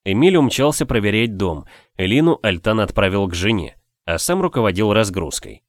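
A man narrating a novel as an audiobook in expressive storytelling. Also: on the low side, normal speed, no room sound, clean studio sound.

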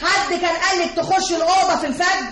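A proud, sharp-tongued boarding-house owner with an Egyptian accent, talking high and fast. She fires back indignant replies. It sounds like an old radio play recorded in a roomy studio. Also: fairly even intonation. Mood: scolding. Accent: Egyptian Arabic. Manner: indignant, quick retorts. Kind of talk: 1950s Egyptian radio comedy acting.

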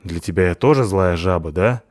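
A man doing a deadpan sarcastic young woman. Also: sits low, a little fast, no room sound, studio quality, natural voice.

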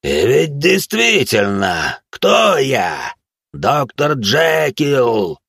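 A man reading an audiobook, voicing a huge hunched monstrous man who talks in a slow, menacing growl. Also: mid-range voice, huge pitch swings, vocal fry, fairly bright tone, husky, no room sound, clean studio sound, pitched above the performer's own voice, heavily acted. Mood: roaring.

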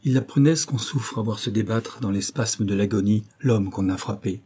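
A man narrating a novel as an audiobook in a steady, measured reading. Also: fairly low pitch, slightly rough.

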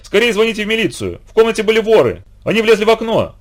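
A man voicing an excitable, pompous middle-aged male musician who shouts in alarm and bristles with indignation. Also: high-pitched, quick pace, pitched above the performer's own voice. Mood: panicked shouting. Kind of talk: audiobook character voice.

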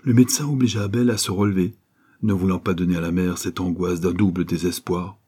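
A male audiobook narrator with a low, dark voice and a husky grain. He reads in a steady, measured way.

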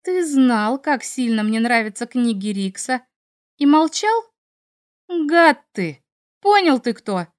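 A woman's voice: high-pitched, expressive, moderate pace. A woman voicing a hot-tempered young empress with lightning powers in a first-person audiobook, raising her voice with indignation. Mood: angry. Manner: fiery, indignant. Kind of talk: audiobook character reading.

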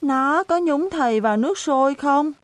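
A woman's voice: high-pitched, lively intonation, moderate pace, no room sound, voice pushed up. A woman voicing a cheeky, naive little schoolgirl who is stubborn and loves to argue, in a chirpy, innocent questioning tone.

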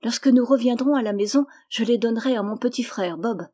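A woman voicing a trusting, cheerful little girl of about five in an audiobook, in a high, lively childlike voice. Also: a little fast, close to an everyday voice. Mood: chatty. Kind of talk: audiobook reading.

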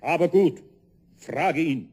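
An actor playing a stern, solemn Saint Nicholas in a radio play, speaking deliberately and admonishing in a husky voice. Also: male voice, on the high side, animated, a little mellow, full character voice. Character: stern, solemn Saint Nicholas, unhurried male judge of naughtiness. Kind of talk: German radio play acting.

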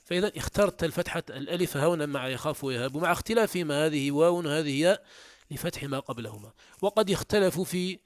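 A man's voice: on the high side, expressive, fast talker, no room sound. Dry-sounding man teaching a grammar lesson. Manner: explains step by step, repeats and restarts words.

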